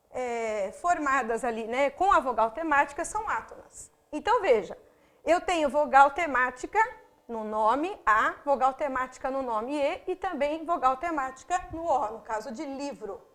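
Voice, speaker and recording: A woman with a Brazilian accent, teaching a grammar video lesson for exam candidates, explaining step by step to the viewer with frequent asides. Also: high-pitched. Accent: Brazilian Portuguese.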